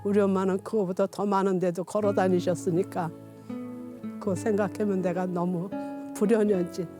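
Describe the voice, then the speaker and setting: A sixty-something woman, guesting on an interview, tells her own stories in unpolished, homely, plain speech. Her medium-pitched voice shows little pitch movement and runs at normal speed. Music is audible behind her.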